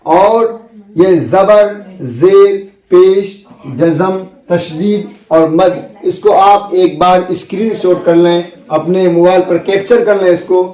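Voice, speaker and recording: A man teaching a basic script lesson, explaining patiently and repeating each point with drawn-out letter sounds. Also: high voice, dark tone, echoey room, rough recording. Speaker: Urdu teacher.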